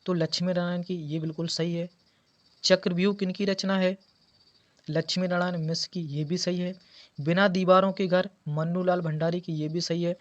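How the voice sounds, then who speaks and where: A man's voice: high-pitched, fairly even intonation, normal speed. A man teaching an exam preparation lesson, going through quiz answers and patiently repeating key words. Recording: dull lo-fi audio.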